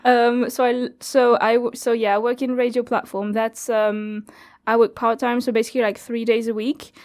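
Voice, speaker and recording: Her voice sits on the high side and is a little mellow, delivered flatly at a moderate pace. She's a twenty-something from France who coordinates a youth radio studio, laughing often and using fillers as she chats casually as an interview guest.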